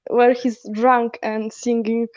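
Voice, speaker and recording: A woman's voice: fairly high pitch, flat delivery, takes it slowly, a little mellow, no room sound. A woman from Poland, chatting casually on an online stream, giggling often and hesitating with many fillers. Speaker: guest on a stream. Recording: dull lo-fi call audio.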